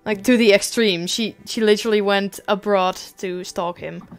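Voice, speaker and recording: Young woman, casual stream chat, rambling, mid-pitched voice, faint music behind. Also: steady tone, moderate pace. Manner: rambling, self-deprecating, swears casually.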